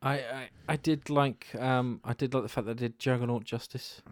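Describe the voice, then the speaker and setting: A man co-hosting a casual film chat, relaxed and swearing casually. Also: medium pitch, moderate pace, dry recording, clean studio sound. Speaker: podcast co-host.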